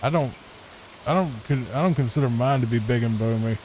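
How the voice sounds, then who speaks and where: Man, Virginia accent, laid-back, soft sleep-aid commentary, home mic, middle pitch. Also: a little fast, slight background noise, rough recording. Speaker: gameplay channel host. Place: home room, not a booth. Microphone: studio microphone with added EQ.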